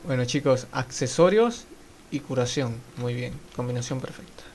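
A man giving live commentary while playing a mobile shooter, excitable and swearing, breaking into panicked shouts. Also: mid-range voice, normal speed, slight background noise. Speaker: mobile game streamer.

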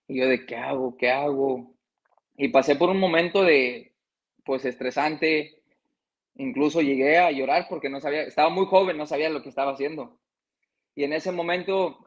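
A man's voice: a little high, dull audio. Man telling his football story. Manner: conversational, pauses to excuse coughs and slips. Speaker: guest, former footballer. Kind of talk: casual interview storytelling.

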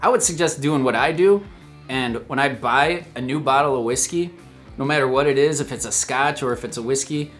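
A man's voice: medium pitch, a little fast, a bit bright, soft background music. A man hosting a casual whiskey tasting vlog at home, chatty and upbeat, talking straight to his viewers. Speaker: host of a whiskey review channel.

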